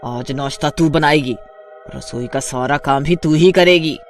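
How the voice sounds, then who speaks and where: A man voicing a harsh, bossy witch daughter-in-law in a kids' storybook, shouting scornful threats. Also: on the high side, unhurried, faint music behind. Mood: bossy, threatening. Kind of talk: storybook voice acting.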